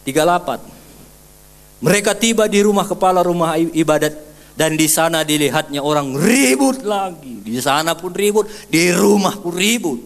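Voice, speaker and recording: A man pastor, preaching a sermon and acting out scenes with sudden loud high outbursts. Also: lively intonation, moderate pace.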